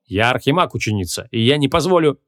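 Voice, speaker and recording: A man voicing a hot-tempered ancient male archmage, gruff and imperious, in an audiobook. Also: medium pitch, animated, fast, fairly bright tone, close to an everyday voice.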